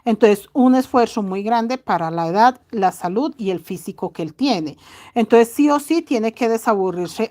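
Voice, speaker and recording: A middle-aged woman chatting casually to her viewers, loud-voiced and fond of affectionate diminutives. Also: mid-range voice. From Colombia. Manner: speaks loudly. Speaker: crochet channel host.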